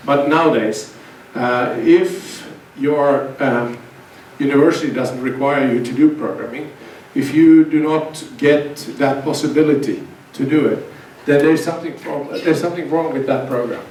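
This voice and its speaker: His voice sits in the mid range with a darkish tone: a middle-aged Finnish guest lecturer, Swedish by first language, presenting a seminar to students. He stumbles along, restarting sentences and repeating words. The hall is echoey, the mic distant, and a faint hiss runs underneath.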